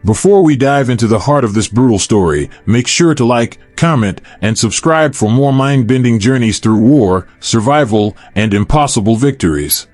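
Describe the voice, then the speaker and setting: A male narrator reading a sci-fi story in scripted style, wry and sardonic, at a mid pitch. His voice is close and dry, with faint music underneath. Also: animated, moderate pace, few pauses, a little mellow, dry recording. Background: faint background music.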